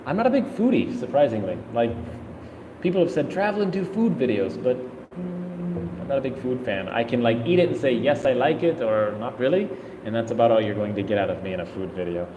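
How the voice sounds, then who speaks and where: A man's voice: mid-range voice, animated, a little fast, lo-fi sound, noisy background. Thirties male travel vlogger, casual rambling Q and A, echoey room with a long tail. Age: 30s. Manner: casual, rambling, thinks aloud while reading chat. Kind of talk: live stream Q and A.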